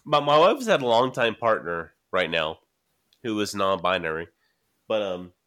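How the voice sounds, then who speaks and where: A man's voice: on the low side, big pitch swings, moderate pace, a bit bright. A man in his late twenties on a casual podcast, a bit drunk and rambling, laughing often. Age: 20s. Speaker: podcast co-host. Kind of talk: casual chat.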